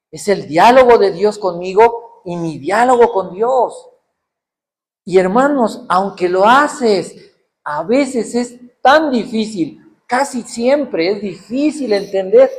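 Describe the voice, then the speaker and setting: Man, Mexican accent, preacher, sermon, conversational, rhetorical questions, event hall. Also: high voice.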